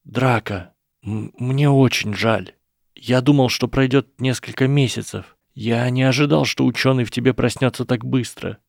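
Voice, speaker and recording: A man voicing an earnest boy wizard who explains things in a measured, persuasive way. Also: mid-range voice, gravelly, no echo, studio quality, natural voice. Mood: apologetic pleading. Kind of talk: audiobook character voice.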